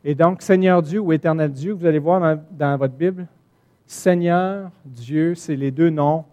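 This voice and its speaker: A man with a Quebec French accent preaching a sermon, swinging from soft asides to loud, emphatic points. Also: on the high side, measured pace. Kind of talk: sermon teaching from the Bible.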